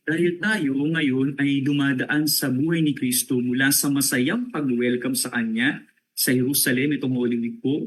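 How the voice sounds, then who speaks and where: A man, a priest, giving a Lenten recollection talk, asking his audience rhetorical questions and climbing to high emphatic bursts. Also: fairly bright tone, slightly rough, low-quality recording.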